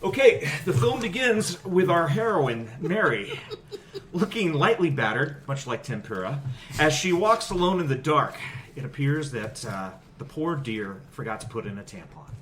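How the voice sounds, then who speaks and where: Joking man hosting a podcast, lively pitch. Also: moderate pace, slight background noise. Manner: mock-earnest, joking, often laughing. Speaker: podcast host. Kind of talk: comedic movie review podcast chat.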